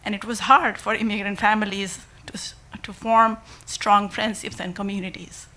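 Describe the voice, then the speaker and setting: A woman's voice: mid-range voice, fairly even intonation, normal speed, pushed and bright. A mother, from Nepal, giving an earnest, emotional public comment to a school board at a podium microphone. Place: school board meeting room.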